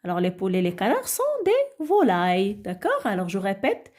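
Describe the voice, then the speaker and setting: A woman's voice: medium pitch, sing-song, brisk, darkish tone. A woman teaching a phonics reading lesson to young children, patiently repeating sounds and syllables and praising often. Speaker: primary school teacher.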